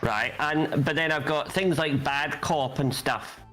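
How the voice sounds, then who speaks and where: A man's voice: on the high side, measured pace, fairly bright tone, faint music behind. A man playing in a tabletop game, chatting casually and wryly, with some swearing. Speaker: player.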